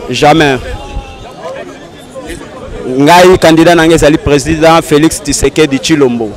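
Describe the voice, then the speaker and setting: A man's voice: on the high side, measured pace, some chatter behind. A man giving an earnest, insistent street interview outdoors in a city. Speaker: interviewee, party supporter.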